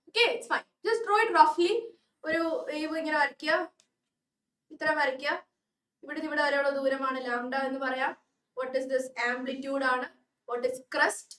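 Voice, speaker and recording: High-voiced Malayali woman teaching in an echoey room. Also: a bit bright, distant mic. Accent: Malayali English. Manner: coaxing, checks understanding often. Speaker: online tuition teacher. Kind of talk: live online class, mixing Malayalam and English.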